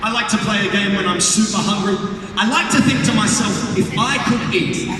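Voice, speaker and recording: A man preaching live to a big crowd in a booming, motivational way, playful and often shouting to work up the audience. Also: fairly quick. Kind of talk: animated live sermon to a large crowd. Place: large live event venue with crowd. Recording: echoey arena PA, distant, noisy crowd.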